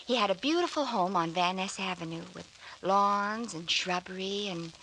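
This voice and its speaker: This noisy vintage radio recording features an actress as a young woman, earnest and hesitant, politely recounting her story. The voice sits mid-range at a moderate pace, natural yet pushed and bright.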